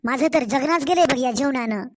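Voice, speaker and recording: A woman's voice: sits high, animated, fairly quick. A woman voicing a weary young new mother, complaining and pleading to her own mother in a cartoon story.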